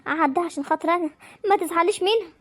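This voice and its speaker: A woman's voice: very high-pitched, rapid-fire, no echo. A woman voicing a placating middle-aged mother of the bride in an Egyptian cartoon, with an Egyptian accent. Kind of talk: animated cartoon voice acting.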